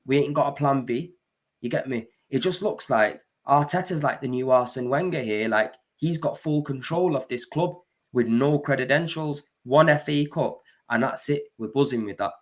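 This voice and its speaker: A man's voice: medium pitch, moderate pace. A man, a football fan complaining in casual chat, often tagging lines with "bro" and "you get me".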